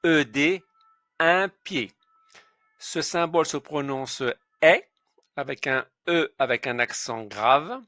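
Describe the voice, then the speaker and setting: A man teaching French pronunciation, spelling out letters and saying example words slowly and clearly. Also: on the high side, bright, forceful tone, dry recording, clean studio sound. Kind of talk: slow pronunciation lesson.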